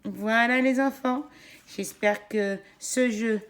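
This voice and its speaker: A woman's voice: a little high, steady tone, takes it slowly. A woman teaching young children like a kids show host, leading a counting game in an encouraging, singsong, didactic way. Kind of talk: educational demonstration addressed to young children.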